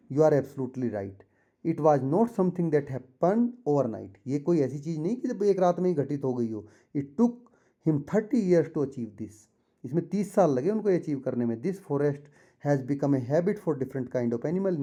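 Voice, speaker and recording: Slow, careful Indian tutor with a dark tone. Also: male voice, on the high side. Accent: Indian English. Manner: reads English lines slowly then explains in Hindi; addresses students directly, patient. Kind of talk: bilingual textbook explanation for students.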